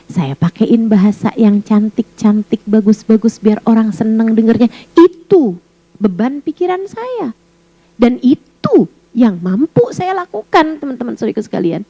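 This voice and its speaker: A woman preacher giving a casual sermon to women, lively and teasing, full of rhetorical questions. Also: on the high side, dry recording, muffled recording. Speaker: Islamic preacher.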